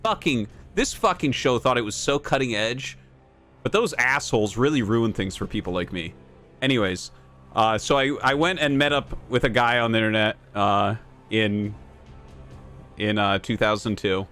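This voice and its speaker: A man's voice: lowish voice, moderate pace, a bit bright, faint music behind. A man in his thirties, a game streamer, telling a story and ranting about a match in a sarcastic, profane way. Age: 30s. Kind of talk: casual storytelling and gameplay rant.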